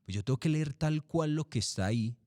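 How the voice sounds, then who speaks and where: A middle-aged man, a commercial voice-over artist talking in an interview, relaxed and repetitive, asking and answering his own questions. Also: a little high, brisk, dry recording, clean studio sound. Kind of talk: interview, casual explanation.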